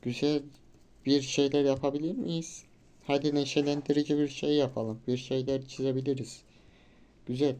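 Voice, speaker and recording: Male let's-play commentator with a warm, mid-pitched voice; casual, reads dialogue plainly, gets loud when things get hard. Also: normal speed. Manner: gets loud and excited during tricky moments, casual swearing. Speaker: gamer. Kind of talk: let's play commentary, reading game text aloud.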